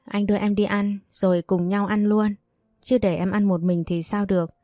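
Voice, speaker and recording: A woman's voice: mid-range voice, little pitch movement, normal speed, dark tone, no room sound, clean studio sound, faint music behind, natural voice. A woman voicing a caring, protective young husband in a read-aloud storybook. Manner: caring, coaxing.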